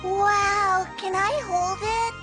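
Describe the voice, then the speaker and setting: Brief: very high, bratty, excitable little girl, music behind. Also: drawn-out words, heavily acted. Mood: excited. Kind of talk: anime dub acting.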